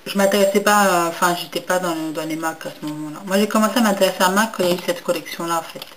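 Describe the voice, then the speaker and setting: A woman's voice: on the low side, racing, a bit bright, slight background noise, poor audio. Chatty young woman reviewing makeup. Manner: hesitant, many fillers and restarts; enthusiastic about packaging. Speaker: beauty vlogger. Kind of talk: casual haul review.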